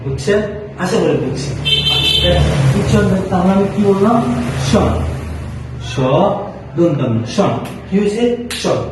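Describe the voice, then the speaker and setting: A man's voice: high voice, sing-song, a little slow, long pauses, very echoey, recorded from a distance, noisy background. A man teaching spoken English pronunciation. He spells words out letter by letter and answers his own questions. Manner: repeats answers in call-and-response questions. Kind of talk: classroom lesson.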